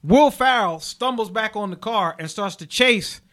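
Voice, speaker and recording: A young podcast host with a high-sitting voice takes his time in a casual chat. He's animated, telling stories and acting out the quotes of the people in them with different voices.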